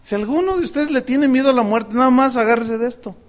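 Animated high-voiced pastor. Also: male voice, fast talker. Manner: animated storytelling with humor, acts out voices. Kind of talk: sermon.

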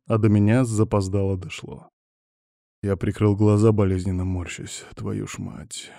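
Low-voiced male audiobook narrator. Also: gravelly, dark tone, no room sound, studio quality. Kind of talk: first-person audiobook narration.

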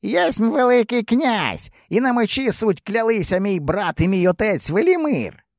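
A male audiobook narrator voicing a proud, angry older grand prince who speaks in a gruff, resentful way. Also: high voice, very animated, unhurried, no echo, clean studio sound, pitched above the performer's own voice, exaggerated voice. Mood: grudging. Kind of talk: audiobook character voice.

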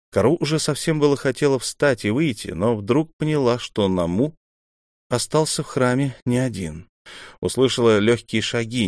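A man reading an audiobook in measured, even scripted narration. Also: medium pitch, dry recording, studio quality.

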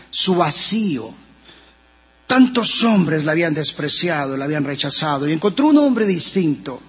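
A Colombian man preaching a sermon as pastor in a church, with sudden rises and drops in pitch. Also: fairly bright tone, breathy edge. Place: church sanctuary. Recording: muffled recording with long church reverb.

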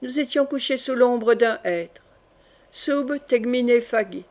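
A woman's voice: on the high side, slow, darkish tone. A woman voicing a bold, cheeky young soldier courtier who answers the king in a gallant, playfully insolent way, in an audiobook.

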